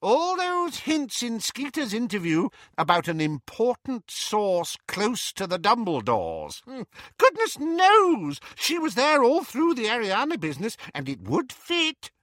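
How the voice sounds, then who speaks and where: A man voicing a shrill, gossipy elderly witch with a cheerful, tart and testy manner. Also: wildly swooping pitch, measured pace, fairly bright tone, no echo, clean studio sound, full character voice.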